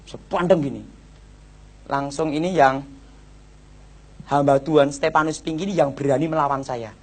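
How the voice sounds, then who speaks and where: A man with a Javanese accent giving an animated church testimony, repeatedly addressing his listeners and acting out the people in his story. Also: on the high side, normal speed. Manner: keeps addressing the audience as brothers and sisters; acts out dialogue with lively voice swings.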